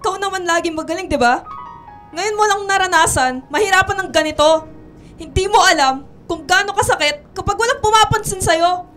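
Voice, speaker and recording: A young woman playing a pleading, insecure, resentful girl in a radio drama, tearful and halting, with a Filipino accent. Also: very high voice, fairly bright tone, soft background music. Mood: bitter, tearful.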